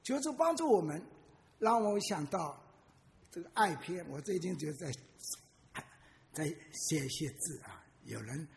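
Elderly male pastor in his 80s preaching with lively questions to the congregation. Gravelly voice, long reverb of a church hall. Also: a little high, a little slow, slight background noise. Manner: animated storyteller who asks the congregation questions. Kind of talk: sermon.

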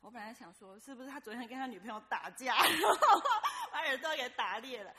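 A woman sharing a testimony at church in a casual, lively storytelling way, acting out the voices of the people in her story. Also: fairly high pitch, fairly quick.

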